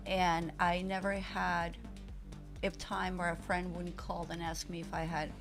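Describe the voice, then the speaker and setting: A woman's voice: on the low side, level tone, a little slow, over music. A woman hosting a casual radio interview, chatty and laughing often. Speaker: radio show host.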